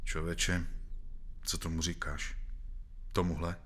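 A man voicing a shaken young man who speaks quietly and haltingly in a storybook reading. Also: low voice, level tone. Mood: numb.

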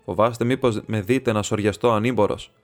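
Guy reading a bitter proud nobleman, mocking and defiant, lowish voice, faint music behind. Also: steady tone, natural voice. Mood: scornful. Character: proud scornful male nobleman making a bitter confession.

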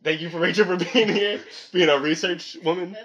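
A young man hosting a casual podcast from a home basement, talking in a halting way with lots of restarts and swearing. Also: high voice, steady tone, a bit bright, highs cut off. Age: young adult. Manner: halting, profane, many restarts. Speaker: podcast host. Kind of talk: casual chat.

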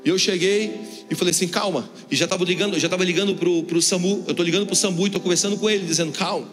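A Brazilian man with a fairly high voice, preaching in a large hall with a long echo. Soft instrumental music plays behind him as he tells a story and acts out each speaker's lines. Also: rapid-fire. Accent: Brazilian Portuguese. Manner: animated storyteller, acts out dialogue. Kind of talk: sermon storytelling.

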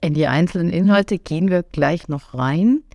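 Female podcast host, calm and curious, gravelly timbre, dry close mic. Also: lowish voice, moderate pace, no echo. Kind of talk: interview questions.

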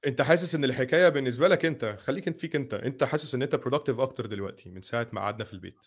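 Fast-talking Egyptian man hosting a podcast. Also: mid-range voice, breathy edge. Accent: Egyptian Arabic. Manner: mixes English words into his Arabic. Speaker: podcast host. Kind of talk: casual podcast chat.

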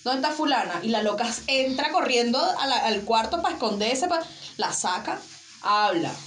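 A woman's voice: a little high, lively intonation, moderate pace, a bit bright, echoey room, a little hiss or hum. A young woman with a Venezuelan accent, telling stories in slangy casual chat as co-host. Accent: Venezuelan Spanish. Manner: slangy storytelling, quotes voices. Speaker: podcast co-host.

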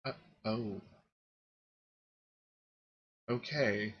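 A man narrating as game master for a tabletop game, halting and searching for words. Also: fairly low pitch, husky, dull audio.

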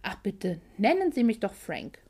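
A woman's voice: medium pitch, sing-song, moderate pace, darkish tone, husky. A woman voicing a friendly middle-aged farmer father in a storybook reading, speaking with easy informality. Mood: welcoming.

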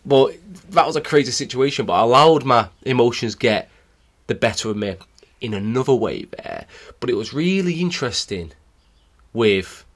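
A man's voice: mid-range voice, moderate pace. Man in his thirties, cycling coach, tells podcast stories animatedly in a mid-range voice. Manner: animated storytelling, acting out remembered exchanges. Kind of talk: solo podcast storytelling.

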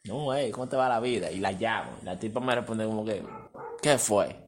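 A man, co-hosting a podcast, telling a story in animated, laughing, slangy casual chat. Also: fairly low pitch, a little fast, a little hiss or hum. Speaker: podcast co-host.

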